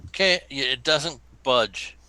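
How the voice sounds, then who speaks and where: A man acting as game master, narrating a tabletop game off the cuff in a halting, colloquial way. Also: medium pitch, sharp tone, clear, resonant tone, no room sound.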